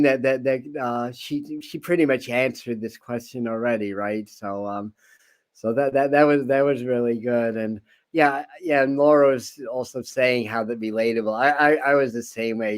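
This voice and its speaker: A man hosting an interview channel talks casually and rambles, with lots of stammered repeats and chuckles. His voice is medium in pitch with a darkish tone.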